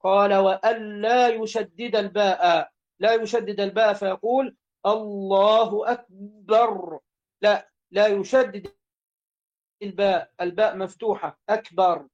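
A man's voice: high-pitched, steady tone, normal speed, a little mellow, lo-fi sound. A man with an Egyptian accent teaching religious law, reading each line of a classical text aloud, then repeating and explaining it.

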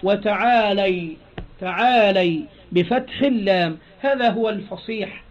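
A man's voice: high voice, measured pace, dull audio. A man with an Egyptian Arabic accent teaching a grammar lesson, explaining step by step and quizzing his listeners with prompting questions.

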